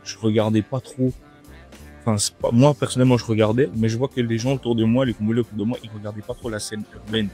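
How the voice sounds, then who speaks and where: With music in the background, a young French rapper guest talks slangily over food at a restaurant in a casual interview chat. His voice is lowish, level and warm, he speaks fast, and his easygoing manner includes repeating himself.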